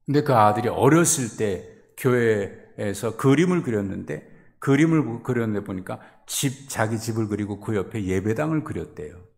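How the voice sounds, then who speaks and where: A middle-aged male pastor preaching a sermon, acting out imagined quotes in sudden loud, high bursts. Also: lively intonation, moderate pace, creaky, few pauses.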